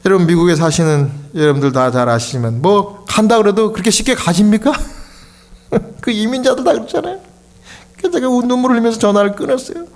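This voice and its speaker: A middle-aged pastor from Korea preaches in a church. His fairly high voice rises with emotion as he tells a story. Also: fairly quick. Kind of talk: sermon.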